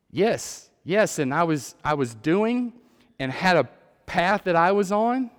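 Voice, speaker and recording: A man with a Texan accent giving an earnest sermon-style testimony, repeating words and building to loud emphatic peaks. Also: fairly high pitch. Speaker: lay preacher. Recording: long hall reverb.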